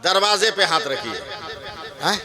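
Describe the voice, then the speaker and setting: Slow, high-voiced man preaching to a crowd. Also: animated. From West Bengal. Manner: slow, repetitive, asks the crowd questions, joking asides. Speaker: Islamic preacher. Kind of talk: religious sermon at a public gathering. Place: open-air religious conference. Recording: live sermon over loud crowd noise.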